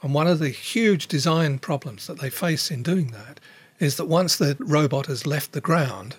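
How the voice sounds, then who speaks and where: Husky male scientist explaining research. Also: fairly high pitch, normal speed. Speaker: scientist being interviewed. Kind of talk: measured expert explanation.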